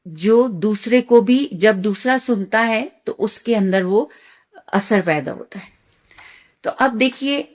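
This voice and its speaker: A woman's voice: mid-range voice, a little mellow. A woman who is a mother and teacher giving an earnest religious lecture, asking herself rhetorical questions. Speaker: Islamic teacher.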